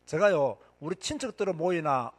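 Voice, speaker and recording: A male pastor preaching with fire and a hot temper, his voice husky and set high. He swings widely in pitch, drives each point home by repeating it, and keeps throwing questions out to the congregation. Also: expressive, normal speed. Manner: emphatic, repeats lines for stress, asks the crowd questions; self-described hot-tempered and impatient. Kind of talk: fiery sermon to church officers.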